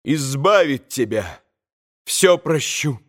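Spiteful proud young woman, slow and venomous, as a man reads her. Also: mid-range voice, animated.

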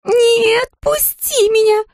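A woman's voice: very high-pitched, slow pace, darkish tone, dry recording, clean studio sound, voice pushed up. A woman voicing a stubborn young dragoness who whines and pleads to be let go. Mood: whining pleading. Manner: whining, pleading.

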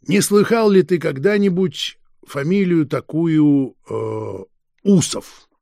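A man reading a crafty detective chief who needles his suspect, swooping from coaxing lows to sharp, raised highs. The voice is raised and gravelly, with a husky edge. It sounds dry and close, as in a studio audiobook. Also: animated, no room sound, exaggerated voice. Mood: needling. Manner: slow, needling, teasing interrogation. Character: sly, mocking older police detective chief.

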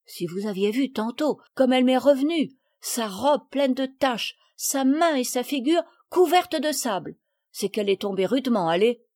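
A woman reader plays a blunt old peasant gardener in a storybook, raised and high in her voice, talking in rustic country speech. She scolds loudly, and the dry, close sound keeps every word close. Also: animated, normal speed, no room sound. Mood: chatty. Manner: loud, scolding, high-pitched.

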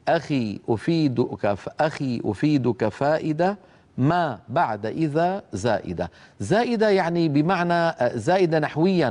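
A middle-aged man teaching Quran recitation rules, explaining a didactic poem, asking his students questions and reciting example words slowly and drawn out. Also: mid-range voice, a little mellow.

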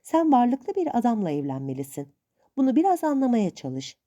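Woman voicing a bossy old aunt, raised pitch. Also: big pitch swings, normal speed. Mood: lecturing. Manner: sharp, bossy, lecturing. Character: stern, scolding old rich aunt.

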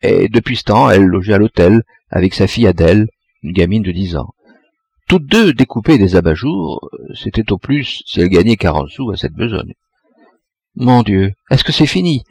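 Low, gravelly male reader, husky tone, lively intonation, audiobook narration. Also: no echo. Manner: measured, expressive reading.

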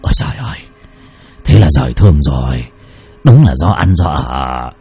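A man's voice: very deep voice, big pitch swings, moderate pace, gravelly, mellow, husky, faint music behind, voice pushed down, exaggerated voice. A man voicing a coarse, bitter middle-aged male gambler, cursing and grumbling.

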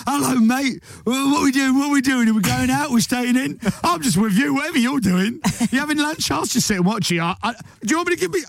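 A giddy, adoring pet dog, put on by a man pours out excited questions in a high, bouncing voice. It sounds like it comes straight off a dry studio microphone. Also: creaky, no room sound, exaggerated voice. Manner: breathless, excited, rapid-fire questions. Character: eager devoted male pet dog, chattering. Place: radio studio.

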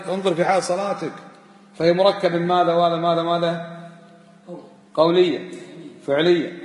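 Man, sheikh's religious lesson, high voice, emphatic repetition, rhetorical questions, roomy reverberant hall. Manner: emphatic, repeats words and quizzes listeners with rhetorical questions. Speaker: sheikh teaching a religious text. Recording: echoey hall with long reverb.

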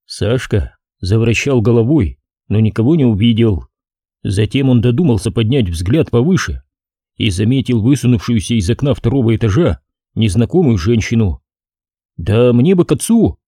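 Man narrating in a dark, husky voice. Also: medium pitch, lively intonation, normal speed, dry recording, clean studio sound. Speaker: audiobook narrator. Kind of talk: scripted narration.

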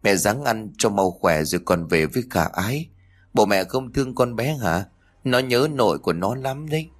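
A man voicing a devoted grown son in a spoken story, speaking earnestly and pleadingly, a bit above his narrating pitch. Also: animated, normal speed.

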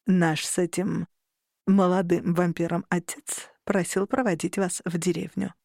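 A graceful, courteous vampire gentleman, read by a woman narrator, speaks slowly and smoothly with a faint irony. His voice sits slightly low in her range. The sound is dry and close. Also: flat delivery, dry recording. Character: tall dark-haired male vampire, courteous, ironic. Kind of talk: audiobook character reading.

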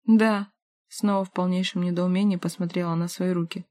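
A woman reads a first-person novel aloud, lively in the heroine's lines. Her voice sits low and mellow. The recording is close and dry. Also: fast, no echo. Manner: expressive, voicing the heroine's dialogue. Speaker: audiobook narrator.

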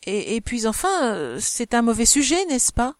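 A woman's voice: high-pitched, unhurried, no room sound, studio quality, pitched above the performer's own voice. A woman reading the part of a timid young society wife in an audiobook, raising her voice in surprise and stammering when unsure. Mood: hesitant. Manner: raised, surprised, hesitant stammering.

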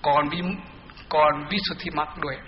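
A man's voice: on the high side, fairly even intonation, normal speed. A male Buddhist monk giving a meditation dharma talk to monks and laypeople, blunt and colloquial, at times scolding and chanting Pali verses. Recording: muffled echoey hall recording, faint hiss.

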